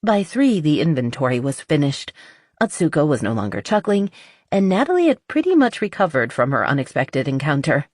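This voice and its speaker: A woman narrating an audiobook novel in measured storytelling. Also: sits low, big pitch swings, darkish tone, no echo, studio quality. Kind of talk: scripted narration.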